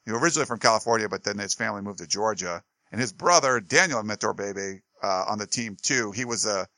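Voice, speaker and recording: A man's voice: lowish voice, quick pace, sharp tone, no room sound. A man co-hosting a sports talk show, chatting casually and rambling with lots of fillers and restarts.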